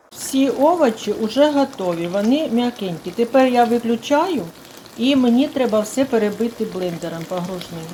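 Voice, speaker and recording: Mellow-voiced homely woman cooking. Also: on the high side. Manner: unhurried, homely, chatty explanations. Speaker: cooking channel host. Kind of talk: home cooking demonstration. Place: home kitchen. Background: sizzling frying food.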